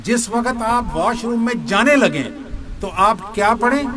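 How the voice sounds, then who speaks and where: A man's voice: very high voice, expressive, crowd noise. A man preaching a sermon, teaching by asking his listeners questions and answering them himself. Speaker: religious preacher. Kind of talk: sermon to a gathering.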